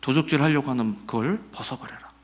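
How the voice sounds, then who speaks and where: At a quick pace and medium pitch, a middle-aged pastor delivers his Sunday sermon. He's conversational and animated, turning questions on the congregation and acting out quotes.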